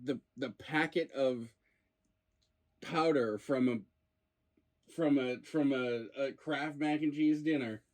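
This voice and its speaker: A man's voice: mid-range voice, slow pace, long pauses. A man hosting a food review in casual chat, probing with playfully incredulous questions. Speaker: food review show host.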